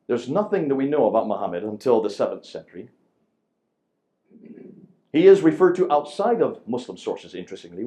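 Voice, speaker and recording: With a lowish, very loud voice, a man delivers an emphatic lecture to a church audience, firing rhetorical questions at his listeners.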